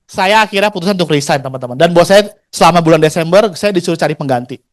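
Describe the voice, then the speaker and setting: A man's voice: on the high side, quick pace. A man in his forties sharing his career story in a chatty, slangy motivational talk, acting out the dialogue he recounts. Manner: chatty, slangy, acts out quoted dialogue, laughs often.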